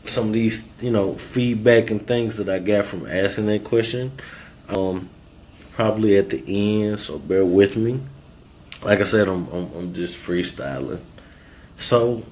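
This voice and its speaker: A married adult man hosts a podcast, freestyling his thoughts in a loose, rambling monologue after a few drinks, tipsy and relaxed. His voice is low-pitched, with slight background noise.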